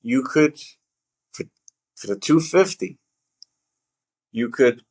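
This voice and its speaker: A man co-hosting a casual podcast chat, talking in halting bursts with many fillers and restarts, laughing as he tells a story. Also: mid-range voice, animated, darkish tone. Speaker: podcast co-host.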